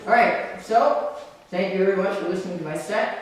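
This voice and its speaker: Rambling open mic host, echoey room. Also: male voice, high voice, brisk, crowd noise. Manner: loose, rambling, lots of fillers. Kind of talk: live stand-up storytelling. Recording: echoey venue, mic at a distance, faint noise.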